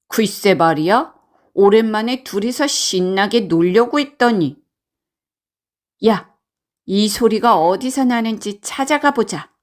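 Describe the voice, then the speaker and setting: A woman doing chattering mischievous goblins. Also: medium pitch. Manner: chatty, excited, conspiratorial. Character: mischievous playful goblin pair, male.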